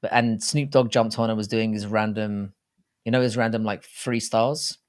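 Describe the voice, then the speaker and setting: A middle-aged British man with a lowish, steady voice speaks at normal speed as co-host of a casual live sports chat stream. He's blunt and sweary, rambling through the banter.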